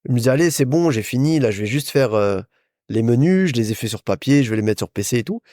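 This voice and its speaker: A young man hosts a casual business podcast, speaking fast in a mid-range, expressive voice with a dark tone. He chats directly to the listener, repeating himself and restarting often. The recording is studio quality with no room sound.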